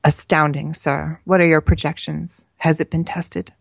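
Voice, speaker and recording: A woman's voice: low voice, little pitch movement, a little slow, creaky, husky, no echo, clean studio sound, exaggerated voice. A woman reading the lines of a grandiose male scientist in a pompous, declaiming way. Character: grandiose male scientist founding a secret league.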